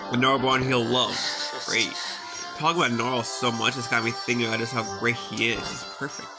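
A man's voice: mid-range voice, fairly even intonation, moderate pace, low-quality recording. Man, playful game-dialogue reader, ad-libs jokes, game music running underneath. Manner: playful, reads lines in character and jokes about them. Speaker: gaming YouTuber. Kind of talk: reading game dialogue aloud with commentary.

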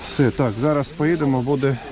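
A man working as a volunteer rescuer, calmly and practically giving reassuring instructions to people as he helps them into an evacuation vehicle outdoors. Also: mid-range voice, a little fast, crowd noise. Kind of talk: on-the-spot instructions while loading evacuees.

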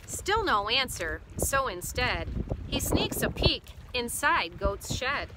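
Teacher lady doing a slow read-aloud for kids on a boat, lively voice, lots of background noise. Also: on the high side. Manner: slow, explaining to children. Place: outdoors on a boat. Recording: noisy outdoor boat recording.

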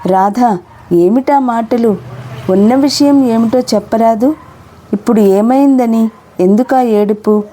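Woman reading as young husband, busy, impatient, brusque questions, mellow tone, audio novel. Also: a little high, takes it slowly, long pauses. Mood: puzzled.

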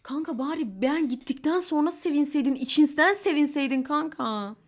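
A young woman telling stories in a casual vlog, candid and chatty, with exasperated asides and quick mimicry of the people she quotes. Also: high voice. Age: young adult. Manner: quotes others in mimicking voices. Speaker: vlogger.

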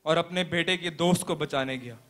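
A young man playing a pastor in a stage play, telling a parable as a sermon in a slow, earnest preaching manner with deliberate pauses. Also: a little high, bright, forceful tone. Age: young adult.

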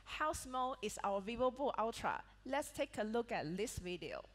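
On a stage in a large event hall, a product manager with a Malaysian English accent presents a laptop launch keynote, reading prepared points with small slips and restarts. Her voice is on the high side and sing-song at a moderate pace. The sound is reverberant with slight background noise.

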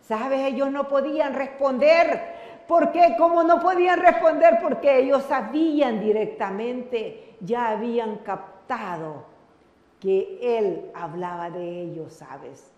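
A woman giving an evening devotional, calling the listener friend and pleading with them gently, often trailing off softly at the end of a phrase. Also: a little high, muffled recording. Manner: intimate, addresses listener as friend; slow, pleading, drops to soft trailing tags. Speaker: devotional speaker. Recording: echoey hall, roomy reverb.

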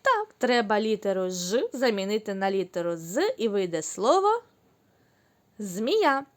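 A woman teaching young children, speaking slowly and clearly, drawing out the syllables. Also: medium pitch, very animated. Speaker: kindergarten teacher. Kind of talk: recorded online lesson for young children.

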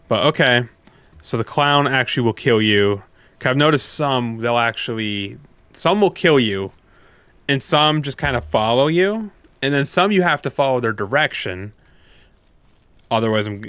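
A man's voice: mid-range voice, fairly bright tone, no room sound. A man gamer giving casual commentary on a horror game, thinking aloud in loose, sweary language.

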